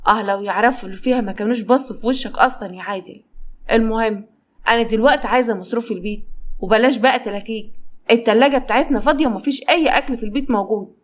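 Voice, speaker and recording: A woman with an Egyptian accent voicing a young wife and mother who is fed up and upset, pleading in a voice that climbs high. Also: very fast, lightly acted.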